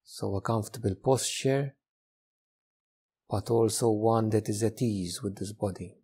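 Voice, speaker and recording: A man guides a meditation as a teacher, speaking gently in short, unhurried phrases separated by long pauses. His voice is fairly low and husky.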